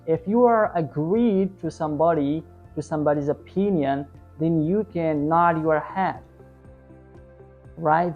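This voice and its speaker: A woman's voice: sits low, a little mellow, lo-fi sound. A woman teaching an online English lesson, explaining tips and often checking in with "right?". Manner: tags many sentences with "right?"; coaching, repetitive explanation.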